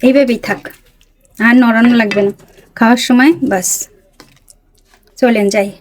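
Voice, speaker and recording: A chatty woman with a Bangladeshi Bengali accent narrates her cooking step by step in a home kitchen. Her voice sits a little high, and her talk is easy and conversational, aimed at her viewers. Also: steady tone, a little slow, slight background noise. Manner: chatty, talks viewers through each step. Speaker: cooking and mukbang vlogger. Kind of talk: casual cooking narration to camera.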